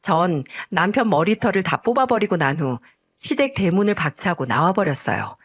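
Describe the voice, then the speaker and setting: A woman telling a dramatic story in first person, expressive and indignant. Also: on the low side, normal speed, slightly rough. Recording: faint music underneath.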